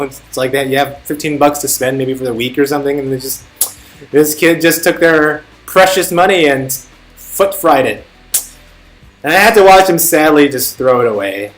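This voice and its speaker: Young guy streaming, rambly and sweary, mid pitch voice, faint music behind. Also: a bit bright. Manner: profane, rambling storytelling. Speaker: streamer and tutor. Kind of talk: casual live-stream chat.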